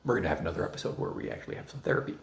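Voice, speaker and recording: A man's voice: racing, reverberant. A man co-hosting a casual chat with his partner, telling stories in a wry, teasing, understated way. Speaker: co-host.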